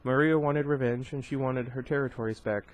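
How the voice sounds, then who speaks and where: Reading a novel in an unpolished, offhand way, this man speaks a little fast in a steady, mid-range voice, captured on a low-quality recording. He trips over words and fixes them, pausing now and then to crack jokes.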